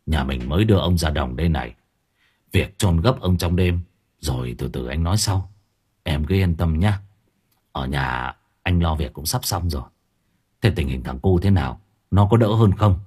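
A man voicing a tired, grieving young father, speaking low and hushed. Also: a little slow, pauses often. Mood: weary.

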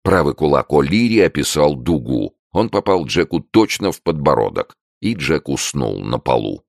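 An audiobook narrator reads a first-person crime story in a measured, dry manner. His extremely deep, gravelly voice rises and falls in a lively way. The recording is dry and close, with no room sound.

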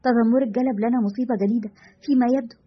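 A woman voicing a calm, businesslike male investigator who leads a team, in a dull lo-fi recording. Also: fairly high pitch, very fast, close to an everyday voice.

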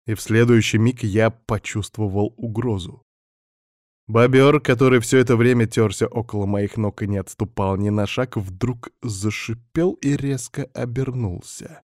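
A man reading a first-person story aloud in a steady, scripted audiobook narration. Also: medium pitch, dry recording, studio quality.

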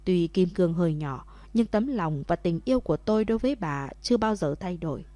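Tender older husband in a storybook, read by a woman in her own warm voice, dry close sound. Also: lowish voice, animated, brisk, no echo, close to an everyday voice. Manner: tender, heartfelt. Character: older man tenderly proposing to wife.

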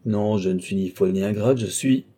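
A man's voice: lowish voice, a little fast, dark tone, natural voice. A man voicing a capricious, pampered young countess who speaks petulantly and imperiously.

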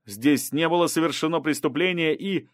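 A pushy newspaper reporter who won't back off, his voice pitched well above the narrator's own and pushed loud. He shouts his questions insistently, recorded dry and close for a storybook reading. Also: brisk, no echo, lightly acted.

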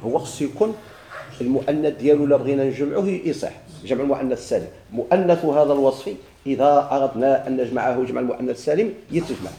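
A man's voice: medium pitch, very fast, mellow, reverberant. A man with a Moroccan Arabic accent teaching a grammar lesson, putting questions to himself and answering them, with examples repeated again and again.

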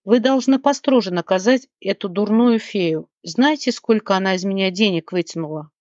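A woman's voice: medium pitch, normal speed, a little mellow, no echo, lightly acted. A woman doing a clipped, demanding lady. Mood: curt. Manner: clipped, curt. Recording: dry, slightly muffled recording.

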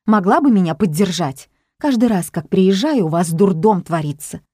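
A frazzled, furious mother who snaps and shouts at her family, as a woman reader plays her. The voice is mellow and dry, close to the mic, pushed loud. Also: mid-range voice, lively intonation, moderate pace, no echo, lightly acted. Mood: exasperated. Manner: shouting, exasperated.

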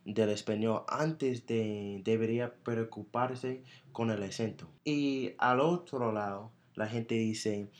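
A man with an American accent whose voice sits low and whose speech moves slowly. He is a native English speaker who keeps stopping to search for the right words in casual conversation. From United States. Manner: hesitant, searching for words as a learner. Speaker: podcast co-host.

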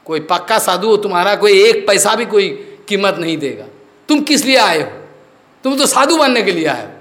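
A man's voice: high-pitched, animated, fairly quick, a bit bright. A spiritual teacher gives a sermon, scolding his listeners and repeating his warnings with rhetorical questions. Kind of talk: Hindi sermon on scripture.

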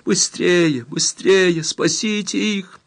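A man's voice: mid-range voice, moderate pace, a bit bright, pitched above the performer's own voice. A man reading aloud, voicing a brave young woman with a raised, urgent, pleading voice in an audiobook.

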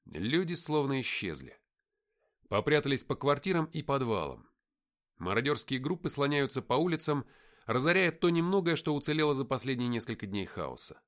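Guy reading an audiobook in first person, lively expressive pitch, measured and dramatic. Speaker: audiobook narrator.

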